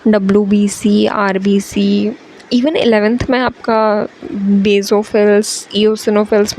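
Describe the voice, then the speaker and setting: Slightly high and a little mellow, this young teacher's voice is strained by a sore throat as she gives a talkative exam-prep biology class. She mixes Hindi and English and reads English passages more slowly, over poor audio with a bit of hiss or hum.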